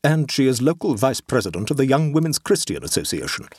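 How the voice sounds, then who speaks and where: A man's voice: medium pitch, a little fast, slightly rough, no room sound. A man voicing a dry clubman who tells an absurd tall tale with a straight face. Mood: deadpan. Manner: cool, deadpan, with dramatic emphasis.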